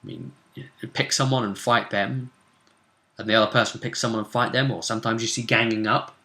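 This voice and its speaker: A man with a lowish voice, talking a little fast, hosts a tabletop role-play show and chats through a game recap. He's animated and conversational, tossing out rhetorical questions.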